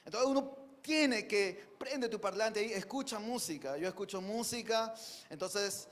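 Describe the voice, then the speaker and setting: A man from Peru preaching a sermon, earnest, moving between emphatic declarations and quiet reflective asides, with many rhetorical questions to his listeners. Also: high-pitched, unhurried.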